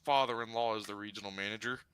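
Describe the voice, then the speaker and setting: A man doing a deadpan young pizza shop manager. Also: fairly low pitch, quick pace, clean tone, no echo, voice pushed down, natural voice. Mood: calm deadpan. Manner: flat, matter-of-fact.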